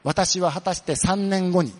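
A man with a high-pitched voice preaches a sermon as pastor, the sound carrying like a big room. His delivery is earnest: he questions the congregation, answers himself, and slows for emphasis.

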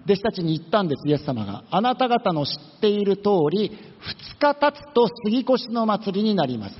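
A man's voice: high voice, husky. A man preaching a sermon in a casual, conversational way, asking the listeners questions and acting out the words of the people in his story. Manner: conversational, acts out quoted voices, rhetorical questions. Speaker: pastor. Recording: dull lo-fi recording with long hall reverb.

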